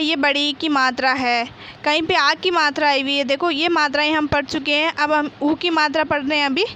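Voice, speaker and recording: A woman with a high voice leads a reading lesson for young children. She speaks slowly and breaks words into syllables. She asks her own questions and answers them, with faint traffic noise in the background. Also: bright, forceful tone. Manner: sounds out syllables, then repeats whole words. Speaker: primary school teacher.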